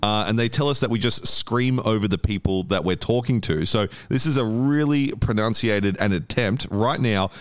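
A man's voice: on the low side, moderate pace, few pauses, no echo. A man hosting a small radio show, rambling and joking about himself in casual banter. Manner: rambling, excitable, self-mocking. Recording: cheap studio mic.

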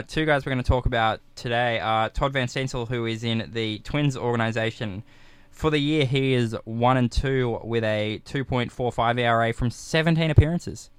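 A man's voice: medium pitch, smooth, no room sound. A man giving conversational baseball commentary on a radio show.

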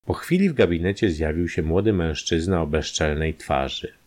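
A man narrating a scripted crime story in a measured, expressive way. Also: low voice.

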